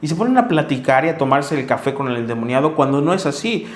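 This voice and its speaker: A man's voice: medium pitch, sing-song, quick pace. A man preaching a sermon, reading Bible verses and earnestly scolding his listeners. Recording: echoey room.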